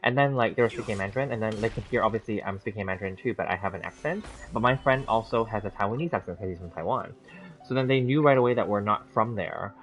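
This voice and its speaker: A fast-talking gaming streamer in his thirties, with a fairly low, slightly bright voice, chats casually with his viewers. He rambles through a story, restarting often, using lots of fillers and laughing easily, on dull lo-fi audio.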